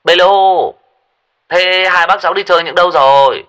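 A man voicing an excitable young male friend in a spoken story, loud and prone to stammering. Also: medium pitch, quick pace, husky, voice pushed up. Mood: cheerful. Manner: loud, jumpy, stammers when shaken.

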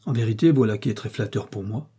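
A man reading an audiobook, voicing a domineering, coldly ironic prince with a dark, husky voice. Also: on the low side, fast talker. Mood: cold, commanding. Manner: commanding, cutting and sarcastic.

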